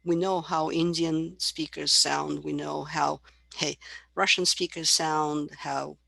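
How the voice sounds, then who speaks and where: Gravelly-voiced woman lecturing on psychology. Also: deep voice, fairly even intonation, takes it slowly, fairly bright tone, no room sound. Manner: explanatory, imitates baby babbling sounds. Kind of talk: university lecture.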